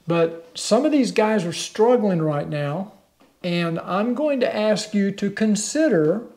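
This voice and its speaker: A man's voice: high-pitched, a little mellow. An older man talking straight to the camera from his living room, hosting a motorcycle channel in a plain-spoken, persuasive way. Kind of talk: direct-to-camera vlog.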